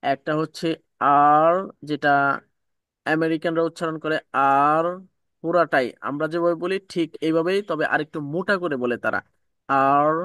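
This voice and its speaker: A man's voice: a little high, fairly even intonation, moderate pace, fairly bright tone, clear, resonant tone, no echo. A man teaching English pronunciation in an online class, patiently repeating each sound with small fillers. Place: online video call class.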